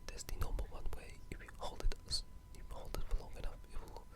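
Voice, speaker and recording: A gaming creator gives fast, rambling but enthusiastic ASMR-style commentary on a game in a breathy, unvoiced whisper.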